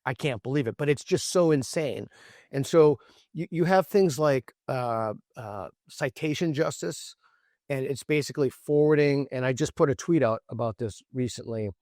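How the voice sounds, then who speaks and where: A man speaks as an interview guest in an earnest, argumentative way, stopping and restarting his sentences as he builds a point. His voice sits at an ordinary middle pitch. The recording is dry, with no room sound. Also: normal speed, a little mellow, no room sound. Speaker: guest author. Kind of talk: interview conversation.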